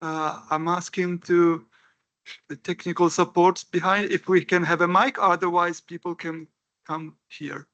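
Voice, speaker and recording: A man's voice: high voice, level tone, fairly bright tone, dull audio. A man moderating a conference panel, polite and chatty with some hesitations. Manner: polite, chatty, a bit halting.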